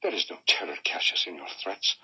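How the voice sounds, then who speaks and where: A man's voice: low-pitched, expressive, fairly quick, bright, forceful tone, breathy edge, in a whisper, muffled recording, heavily acted. An actor playing Brutus, a stern, proud Roman nobleman, in a recorded Shakespeare audio drama, declaiming with scorn.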